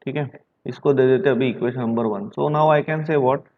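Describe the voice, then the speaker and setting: A man's voice: medium pitch, moderate pace, creaky. Stern lecturing man, math teacher. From Maharashtra, India. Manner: scolding, repeats himself, mixes English math terms into his talk. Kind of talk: online classroom lecture. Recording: dull lo-fi sound.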